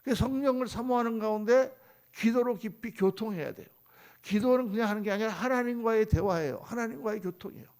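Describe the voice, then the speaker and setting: A male pastor preaching a sermon at a dawn prayer service, swinging between loud emphatic lines and soft hushed ones, and acting out the people he quotes in conversational asides. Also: high voice, fast talker. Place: church sanctuary.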